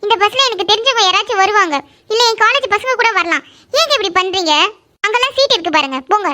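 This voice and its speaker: A woman's voice: extremely high pitch, animated, fast talker, bright, forceful tone, heavily acted. A woman voicing a proud, stubborn young college girl in a cartoon love story, snapping back huffily. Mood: annoyed. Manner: huffy, snappy retorts. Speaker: heroine.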